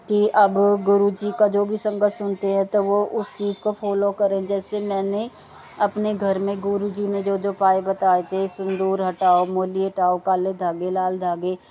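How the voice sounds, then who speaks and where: A woman's voice: medium pitch, warm tone, dull audio, a little hiss or hum. A woman with children giving an earnest devotional talk to listeners, repeating words of thanks and chanting mantras. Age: adult with children.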